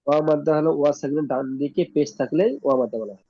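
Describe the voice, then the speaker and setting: Male student reciting a rule quickly. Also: on the high side, fairly even intonation, mellow, dry recording. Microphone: video call. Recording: dull lo-fi online call audio.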